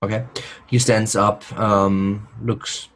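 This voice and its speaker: A man narrates a tabletop role-playing game as game master, with a low voice and an unhurried pace. He halts and fills gaps with ums as he describes the scene. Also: level tone, a bit bright, rough recording. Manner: halting, with fillers and laughs.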